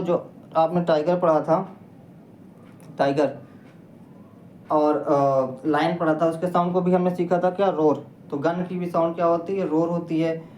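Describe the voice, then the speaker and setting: A woman with a fairly low, dark-toned voice leads a patient English vocabulary lesson. She spells words out letter by letter and quizzes her listeners. The room is echoey, with faint noise.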